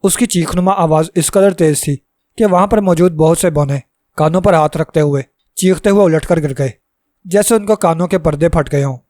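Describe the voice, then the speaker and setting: A man narrating a fantasy story as a storyteller, in a steady, dramatic reading. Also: a little high, no room sound, studio quality.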